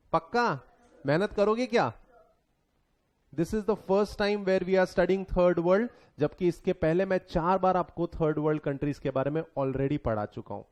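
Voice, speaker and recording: A young Indian man giving a relaxed classroom lecture that mixes Hindi and English, asking his students questions and answering them himself. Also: a little high. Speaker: exam lecturer.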